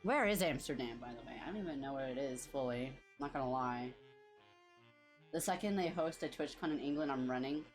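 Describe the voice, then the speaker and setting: A woman's voice: very deep voice, a little fast, faint music behind. A young woman streaming as she draws, chatting casually and rambling with lots of fillers. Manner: rambling, filler-heavy talk, reacts to chat. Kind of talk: casual live-stream chat while drawing.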